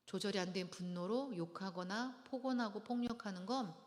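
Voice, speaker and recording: A middle-aged woman teaching a church marriage-preparation class in a lively, dramatic way, acting out little scenes and having the audience repeat after her. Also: mid-range voice, normal speed. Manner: lively, dramatic, acts out little scenes, leads call-and-response. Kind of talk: church lecture to engaged couples. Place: church hall. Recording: long hall reverb.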